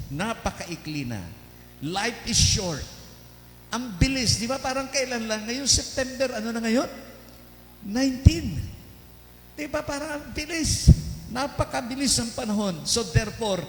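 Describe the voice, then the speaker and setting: A Filipino man in his fifties preaches in a church, slipping English phrases in among family anecdotes told with easy humor. His voice sits a touch high for a man. The sound bounces around a reverberant hall, with a faint hum in the background. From Philippines. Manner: mixes English into his talk, tells family stories with humor. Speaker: pastor. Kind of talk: sermon.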